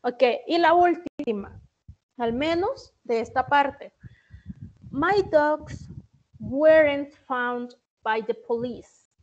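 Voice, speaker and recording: A Salvadoran woman teaches English online in a bright, high voice. She speaks slowly and deliberately and sounds out each example. The audio is dull and lo-fi, like a video call. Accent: Salvadoran Spanish. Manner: slow, deliberate, reads English examples carefully. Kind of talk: online class explanation. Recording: muffled online-class audio.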